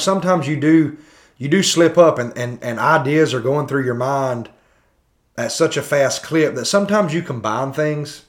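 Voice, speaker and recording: Man dissecting a sermon on a podcast. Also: mid-range voice. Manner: conversational, repetitive questions, thinking aloud with restarts. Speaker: podcast host. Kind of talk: critiquing a sermon, podcast commentary.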